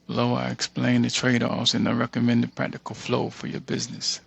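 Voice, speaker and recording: This American man talks through a screen-share software tutorial in a fairly quick, monotone, mid-range voice that is gravelly with a breathy edge, reading bits of text and muttering to himself. The audio is dull.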